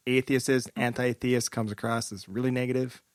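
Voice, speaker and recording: A man's voice: mid-range voice, level tone, fairly quick. A man in casual podcast chat, offering views offhandedly and self-deprecatingly.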